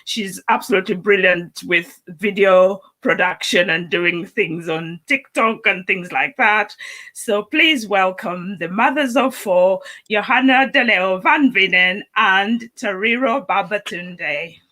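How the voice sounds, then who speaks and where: A woman hosts a casual talk show and introduces her guests with real enthusiasm. Her voice is bright and forward. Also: medium pitch, takes it slowly. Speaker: show host. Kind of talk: casual chat.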